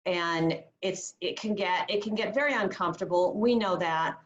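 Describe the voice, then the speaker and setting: A woman speaking calmly as a talent agent in a town hall. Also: lowish voice, normal speed, lo-fi sound. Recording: roomy echo.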